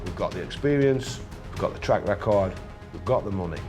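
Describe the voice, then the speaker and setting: British male dealer, lowish pitch, casual unscripted talk, music behind. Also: animated, a little fast. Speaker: antiques dealer. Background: background music.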